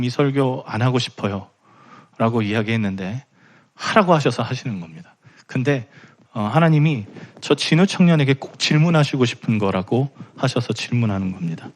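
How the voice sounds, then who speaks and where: A young man preaching a sermon in a church, impassioned and rising to emphatic pleading. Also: medium pitch. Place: church sanctuary.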